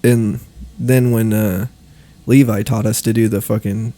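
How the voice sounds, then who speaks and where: A man's voice: lowish voice, fairly even intonation, a little slow, mellow. A young man co-hosting a casual podcast chat, laughing easily, saying dude a lot and acting out what people said. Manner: laughing storyteller, says dude a lot, acts out quotes. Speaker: podcast co-host.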